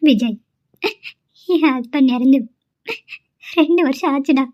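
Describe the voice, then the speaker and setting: A gentle young widow and mother in a cartoon, voiced by a woman, soft-spoken and tender, her high voice heavy with quiet grief. The sound is dull and lo-fi, like a simple home recording. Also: takes it slowly, slight background noise. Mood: sorrowful. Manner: soft, affectionate with the child, tearful about her loss. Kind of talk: amateur cartoon voice acting.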